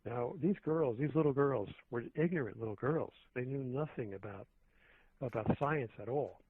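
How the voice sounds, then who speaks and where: A man's voice: mid-range voice, normal speed, breathy edge, dry recording. Man on a tinny phone line. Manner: meandering, with many fillers and restarts. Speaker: radio show guest. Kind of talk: rambling phone-in conversation.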